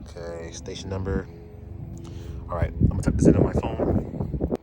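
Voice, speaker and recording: A man with a very low voice talks casually through each step as he goes, relaxed and offhand. He is recording on a handheld phone outdoors at a car charging lot. Loud outdoor ambience and vehicle noise run constantly underneath his voice. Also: normal speed. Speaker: vlogger. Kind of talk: casual narrated vlog.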